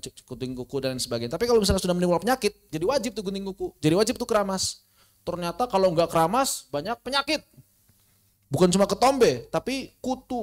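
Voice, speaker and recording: A man with a fairly high voice gives an online religious lesson in a relaxed, conversational way. He keeps asking his listeners rhetorical questions, dropping to soft asides and then rising into animated emphasis. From Indonesia. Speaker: Islamic studies teacher. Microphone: online class recording.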